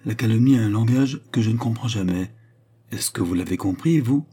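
A man's voice: fairly low pitch, fairly quick, dark tone, breathy edge. A man reading an impassioned proud queen. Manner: impassioned, pleading. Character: proud anguished French queen, woman. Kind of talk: audiobook reading.

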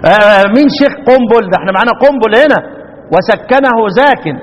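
A man with an Egyptian accent teaching a class on Quran recitation, quizzing his students and chanting verse lines slowly. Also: high-pitched, in a large hall, lo-fi sound. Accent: Egyptian Arabic. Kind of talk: classroom lecture.

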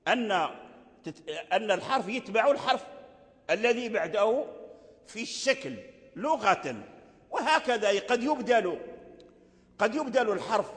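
A man's voice: high voice, a bit bright. Older man teaching in a reverberant hall. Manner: explains slowly, repeats words, chants example readings. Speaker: Quran recitation teacher. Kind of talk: lecture on Quranic readings.

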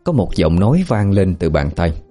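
Deep dark guy reading a spooky story slowly, quiet music under it. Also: very animated. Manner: slow, grave storytelling. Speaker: narrator. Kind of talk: scripted horror story narration. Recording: faint background music.

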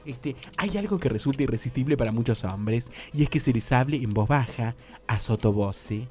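A man's voice: medium pitch, fairly quick, a little mellow, faint music behind. A man with a Rioplatense accent hosting a comic dating-advice bit, camp and theatrical, swooping up into squeals. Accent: Rioplatense Spanish. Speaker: radio comedy host.

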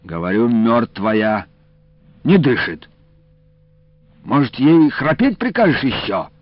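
A man's voice: mid-range voice, big pitch swings, slow, no room sound. Man reading a curt, stern village official. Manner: curt, bureaucratic. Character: gruff adult male procurement official, stern. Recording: dull, dry lo-fi audiobook recording.

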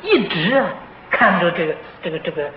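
An older man giving a slow, patient lecture on a Buddhist sutra, filling pauses with drawn-out "ah" sounds and clearing his throat now and then. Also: sits high, big pitch swings. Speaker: Buddhist teacher. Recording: dull, roomy, noisy old tape of a lecture hall.

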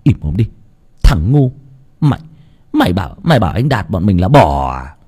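A man's voice: low-pitched, sing-song, moderate pace, mellow, breathy edge, pitched below the performer's own voice, heavily acted. A man voicing a cheeky village boy who scolds his friend and grovels before the landlord. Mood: scolding. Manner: scolding, then fawning and stammering.

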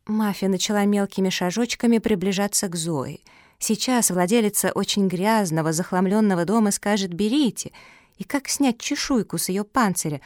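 An audiobook narrator with a mid-range voice reads a children's book aloud at normal speed, telling the scripted story expressively. The recording is dry and studio-clean.

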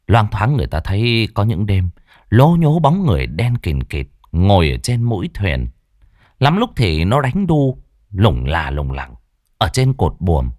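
A deep-voiced man tells a ghost story with dramatic, expressive delivery, his pitch swinging widely as he builds tension. The recording is close and dry with no room sound. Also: no echo.

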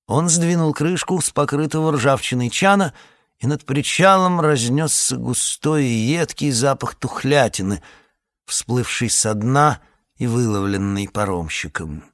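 A man reading a fantasy novel aloud in measured scripted narration. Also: medium pitch, no echo, studio quality. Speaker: audiobook narrator.

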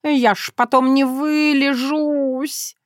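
A woman's voice: high voice, level tone, takes it slowly, dry recording, studio quality, voice pushed up. A woman reading a storybook, voicing a stubborn, theatrical male cat who protests indignantly. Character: Terentiy, stubborn dramatic tomcat, male.

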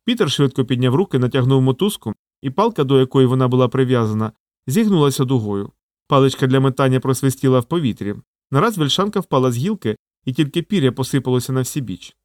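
A man's voice: medium pitch, animated, fast talker, dry recording, studio quality. A man reading an audiobook in a vivid, dramatic narrating style.

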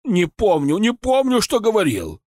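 A man's voice: high-pitched, wildly swooping pitch, moderate pace, darkish tone, no room sound, clean studio sound, pitched above the performer's own voice. A man voicing a frightened, stout male merchant who stammers and whines shrilly in an audiobook. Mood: cowed.

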